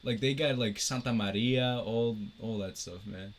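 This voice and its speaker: A man's voice: mid-range voice, unhurried. A young man in casual podcast chat, telling stories animatedly. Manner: animated storyteller, laughs often. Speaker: podcast co-host.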